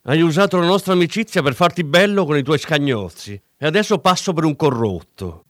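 A man's voice: fairly high pitch, very animated, normal speed, dry recording, clean studio sound, voice pushed up. A man voicing an angry police officer who delivers cold, cutting threats. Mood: furious.

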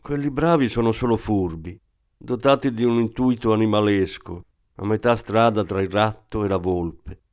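A man voicing an older former croupier, a German woman who speaks with calm, condescending irony. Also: on the low side, moderate pace, no echo, studio quality, lightly acted. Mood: sardonic.

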